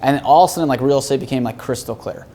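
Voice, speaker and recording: Man, real estate guest, rapid-fire and blunt, swears freely, animated storyteller, mid-pitched. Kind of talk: casual podcast interview.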